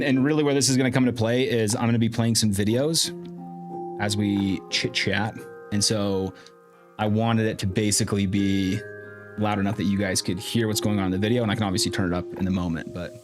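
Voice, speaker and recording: Male streamer, lowish voice, loose chatty host, home setup with faint music behind. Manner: chatty, thinks aloud while fixing audio. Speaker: livestream host. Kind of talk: casual live-stream chat. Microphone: streaming mic with in-ear monitoring. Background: faint background music.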